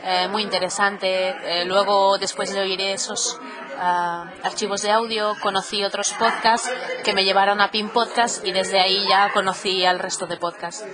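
Catalan-born woman, flat-ish voice, lots of ums, chatting in a crowd. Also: mid-range voice, normal speed. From Catalonia, Spain. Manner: hesitant, with many fillers. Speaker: podcaster, guest. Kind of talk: casual interview.

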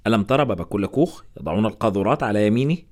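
A man's voice: lowish voice, expressive, rapid-fire, darkish tone. A man voicing a blunt, curt and cold expedition doctor in an audiobook. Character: Anderson, a brusque blunt blond male expedition doctor.

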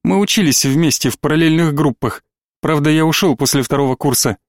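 A man voicing a calm friendly young man. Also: on the high side, a little fast, no echo, clean studio sound, close to an everyday voice. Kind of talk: audiobook character voice.

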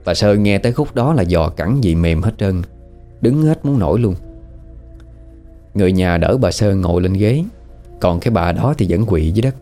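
A man with a Southern Vietnamese accent tells a spooky tale in a low, warm voice. He talks casually and turns to the listener with questions, over faint background music. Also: expressive, moderate pace, pauses often. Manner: chatty, conversational, asks the listener questions. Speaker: storyteller. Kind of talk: casual spoken horror storytelling.

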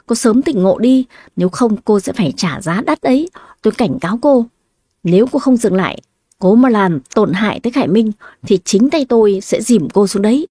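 A woman's voice: mid-range voice, mellow, no room sound, studio quality, lightly acted. Woman playing a cold, cutting young wife.

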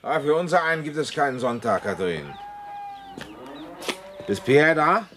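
In a German radio play, a male actor serves as narrator and lead, voicing a methodical, dutiful police inspector who muses in a measured, confiding way through narration and dialogue. His pitch is fairly high, sing-song and a bit bright, his mood hearty and brisk, with a little hiss or hum.

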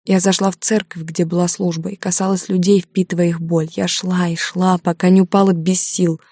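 A woman's voice: fairly low pitch, little pitch movement, normal speed, mellow, no echo, studio quality. A young woman reading a first-person audiobook in an emotional, heavy-hearted way. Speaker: audiobook narrator.

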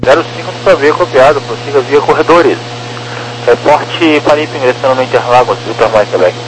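A man's voice: medium pitch, fairly quick. A Brazilian man working as an air traffic controller, giving clipped instructions in radio phraseology over a two-way radio. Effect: two-way radio transmission. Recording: noisy humming radio channel.

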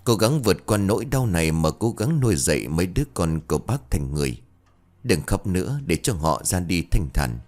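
A humble village exorcist speaks softly and politely, consoling a grieving widow, as a man reads his part. The voice is deep, with a lively, rising and falling melody in a ghost storybook. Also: fairly quick. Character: kind young village exorcist, modest and earnest.

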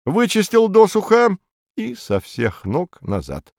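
A man reading a folk tale aloud in an expressive storytelling voice. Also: high voice, takes it slowly, gravelly, no room sound, studio quality.

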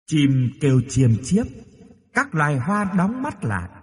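A man voicing a ghostly mother who sings a slow, drawn-out lullaby in a soft sing-song to her child. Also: on the high side, sing-song, long reverb tail. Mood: eerie tender.

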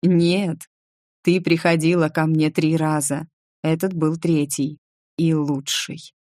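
A woman's voice: low voice, little pitch movement, takes it slowly, a little mellow, no room sound, studio quality. A woman voicing a drawling, mocking young nobleman. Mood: cold. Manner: drawling, sneering. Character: cold, mocking young nobleman, possessive and proud. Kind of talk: audiobook narration.

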